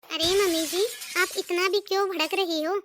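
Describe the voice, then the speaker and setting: A woman's voice: extremely high pitch, steady tone, moderate pace, noisy background. A woman voicing a taunting jealous daughter-in-law. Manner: taunting, sarcastic. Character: sharp-tongued, jealous younger daughter-in-law. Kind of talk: cartoon voice acting.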